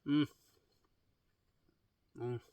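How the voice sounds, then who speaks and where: A man's voice: very slow, far from the mic, narrow, tinny audio. A man casually vlogging from a clifftop campsite outdoors, rambling with lots of fillers. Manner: rambling, easygoing, many fillers. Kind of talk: casual camping vlog.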